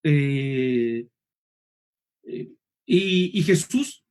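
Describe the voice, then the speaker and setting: A man from Chile with a Chilean Spanish accent, teaching an online preaching seminar. He talks fast, clips his words, drops his final S sounds and keeps checking in with the listeners. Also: on the high side, expressive, a little mellow, smooth. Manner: quick, clipped speech, swallows final S, frequent "¿cierto?" checks. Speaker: preaching instructor.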